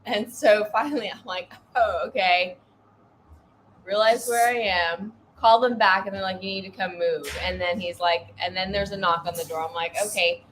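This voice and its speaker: A woman's voice: fairly low pitch, fairly even intonation, a little fast, hardly any pauses, a bit bright, a little hiss or hum. A woman, co-hosting a podcast and telling a story in a chatty, rambling way. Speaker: podcast co-host. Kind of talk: casual chat.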